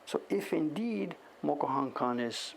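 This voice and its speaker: Unhurried and expressive, a man in his late sixties chats on a livestream about his printmaking, rambling and self-correcting while referring to himself by name. His voice is a little high and creaky, with slight background noise.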